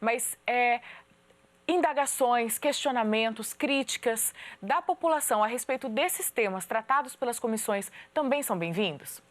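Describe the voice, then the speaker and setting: Brief: female TV host, slightly high voice, polished and clear, São Paulo interior accent. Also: animated, normal speed, dry recording. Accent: Brazilian Portuguese, São Paulo interior. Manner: clear, practiced presenter delivery. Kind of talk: TV interview and announcement. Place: TV studio of a city council.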